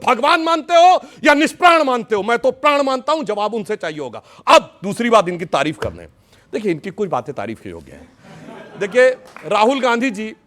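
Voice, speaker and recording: A man's voice: very high voice, fairly bright tone. A man arguing on a TV debate panel, mocking his opponents and reciting a couplet. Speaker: political panelist. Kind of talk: TV debate argument. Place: TV studio.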